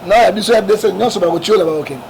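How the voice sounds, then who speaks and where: A man's voice: sits high, racing, creaky, a little mellow. A Congolese man, a guest in an interview, talking politics with force in a Congolese French accent, often checking in with "hein?". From Democratic Republic of the Congo. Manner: emphatic, keeps asking "hein?" to prod the listener. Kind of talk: animated political talk. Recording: noisy background.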